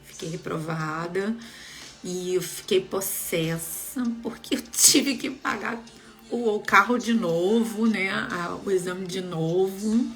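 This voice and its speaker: Woman, young adult, animated storyteller, faint background music. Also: medium pitch, takes it slowly. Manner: animated, expressive, laughs while telling. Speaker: vlogger sharing a personal story. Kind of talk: casual storytelling to viewers.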